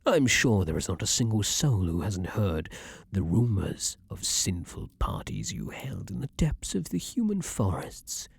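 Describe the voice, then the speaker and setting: In an intimate ASMR roleplay, a man fully voices a centuries-old vampire king, haughty but secretly romantic, using formal, archaic phrasing and dramatic pauses. His lowish voice is sing-song, creaky and husky, and the recording has no echo.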